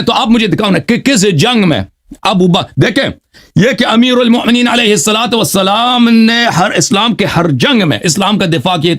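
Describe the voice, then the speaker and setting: A man hosting a heated live religious debate, insistent and combative, who keeps pressing his opponent for answers and recites scripture slowly between quicker arguments. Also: high voice, fairly bright tone. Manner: cites scripture slowly, then speeds up to argue. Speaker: debater and channel host.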